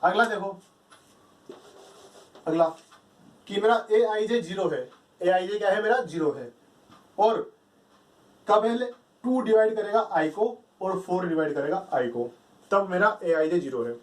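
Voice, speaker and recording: A man's voice: high-pitched, expressive, measured pace, long pauses. A man teaching math at a board, explaining step by step and repeating key phrases. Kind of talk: whiteboard lecture. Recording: echoey room, voice from a distance.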